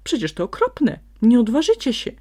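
A woman's voice: fairly high pitch, huge pitch swings, moderate pace, dark tone, voice pushed up. A woman voicing a sly, cowardly male fox who whines and wheedles. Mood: panicked. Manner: wheedling and whining.

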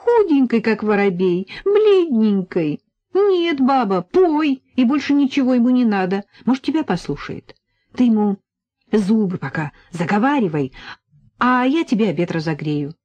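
A woman's voice: medium pitch, big pitch swings, normal speed, darkish tone, husky. A woman reading an audiobook voicing a fussing, exasperated middle-aged mother who scolds and frets. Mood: fretting. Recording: dull lo-fi recording.

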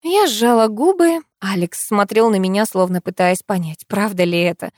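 A woman reading a first-person novel as an audiobook narrator, in an expressive, lively way. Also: medium pitch, normal speed, dry recording, clean studio sound.

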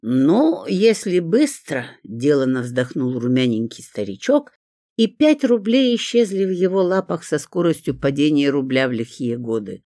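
Женщина читает аудиокнигу от первого лица, выразительно и с иронией, живо разыгрывая диалоги. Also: female voice, extremely low pitch, normal speed, dry recording, clean studio sound. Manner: expressive, ironic storytelling with animated dialogue. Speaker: audiobook narrator. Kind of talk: first-person audiobook reading.

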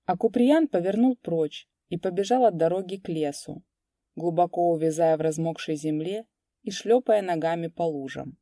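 A woman narrating an audiobook in a steady, measured voice. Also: on the low side, no echo, studio quality.

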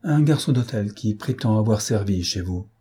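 A man reads a desperate, penniless young poet in an audiobook, a timid man who falters as he asks for help. The voice is dark and husky, soft and hesitant. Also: lowish voice, lively intonation, normal speed. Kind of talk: audiobook character voice.

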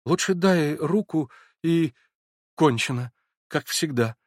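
A man's voice: on the high side, lively intonation, takes it slowly, no room sound, clean studio sound, voice pushed up. A man voicing a shy young woman who speaks hesitantly in embarrassment. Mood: embarrassed.

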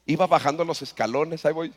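A man with a Mexican accent telling a comic story on stage as a motivational speaker, animated and acting out the voices. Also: on the high side, fast talker. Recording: long reverb in a hall.

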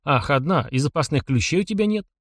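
A man's voice: a little high, lively intonation, quick pace, no room sound, clean studio sound. A man reading an audiobook and voicing a sly, chatty driver in his thirties who teases and questions. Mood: probing. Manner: chatty, teasing, probing.

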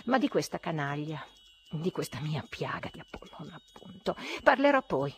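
A woman reading a classic novel aloud in an expressive, dramatic way. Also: low-pitched, normal speed, slight background noise. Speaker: audiobook reader. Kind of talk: literary audiobook reading.

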